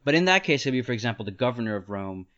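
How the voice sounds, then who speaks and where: Very fast and very animated, this male podcast host has a medium-pitched voice that is bright and forceful. He talks ideas through casually, often saying "like" and "right?" and laughing easily, over dull lo-fi audio.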